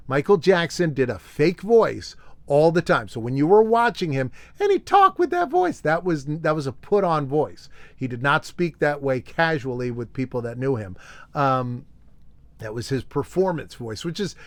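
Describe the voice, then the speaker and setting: Brief: chatty male host on a live show, slightly higher voice, rambling and nostalgic. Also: dry recording. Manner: rambling, nostalgic, chuckling, with many fillers. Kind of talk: unscripted casual show-and-tell monologue.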